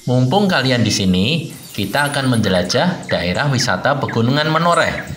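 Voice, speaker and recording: A man's voice: medium pitch, sing-song, normal speed, a bit bright. A man voicing a friendly young male tour guide in a children's cartoon, cheerful and welcoming. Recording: roomy sound with faint noise.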